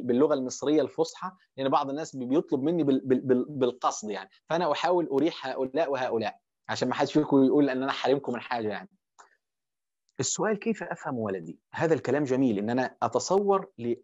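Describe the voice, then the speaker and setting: A man's voice: medium pitch, racing, a little mellow. A man with an Egyptian accent giving a conversational religious lecture on parenting, posing questions and answering them himself. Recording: dull lo-fi audio.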